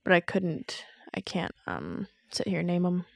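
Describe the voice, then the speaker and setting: A woman's voice: fairly low pitch, big pitch swings, measured pace, vocal fry, no echo, clean studio sound. A young adult woman co-hosting a casual podcast, talking in a laid-back, giggly way. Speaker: podcast co-host, daughter. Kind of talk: casual chat.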